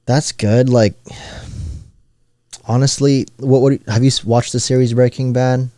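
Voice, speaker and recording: A man's voice: medium pitch, flat delivery, a little slow, dark tone, dry recording, clean studio sound. A young man co-hosting a podcast in casual chat, tossing out jokes and rambling questions. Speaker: podcast co-host.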